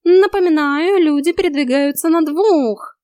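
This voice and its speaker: Woman doing a cheeky tomcat, very high and loud, teasing drill-coach manner, dry close sound. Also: measured pace, no room sound. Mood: mocking. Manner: teasing, bossy drill-instructor banter. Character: cheeky male talking cat, mocking coach. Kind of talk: audiobook character voice.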